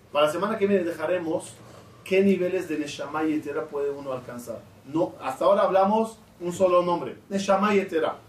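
A middle-aged man, a rabbi, teaching a Torah class and quizzing his students with questions as he goes. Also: sits high. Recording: echoey room, mic at a distance, faint hiss.

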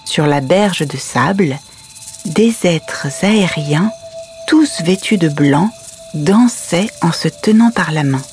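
Slow, tender storytelling mother played by a woman. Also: on the low side, animated, a little mellow, faint music behind. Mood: hushed wonder. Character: patient, tender mother telling her children a fairy tale. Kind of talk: audio story, bedtime storytelling.

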